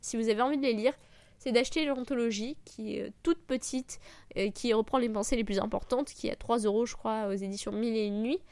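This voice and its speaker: Slightly hoarse, high-voiced woman podcast host. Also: fairly even intonation, fast, darkish tone, dry recording. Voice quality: slightly gravelly, cracked voice. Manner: hesitant, searching for words, self-deprecating. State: sick, slightly broken hoarse voice. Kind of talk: informal book review podcast, unscripted talk.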